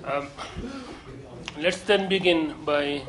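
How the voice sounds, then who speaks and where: A man giving a lecture to a seminar group, earnest and deliberate, pausing often with hesitations. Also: fairly high pitch, fairly even intonation, crowd noise, poor audio. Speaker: course lecturer.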